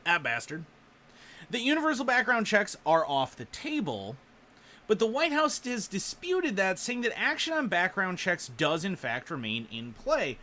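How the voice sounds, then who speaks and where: A man hosting a show, giving sarcastic, animated political commentary while reading the news aloud. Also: sits high, a little slow. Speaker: show host.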